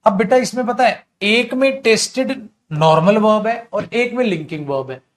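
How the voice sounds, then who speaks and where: A man's voice: high-pitched, moderate pace. A man teaching an online English grammar class, chatty and coaxing, mixing Hindi talk with English example sentences. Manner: chatty, coaxing students with bhaiya and beta. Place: at home or in a studio, drinking tea while teaching.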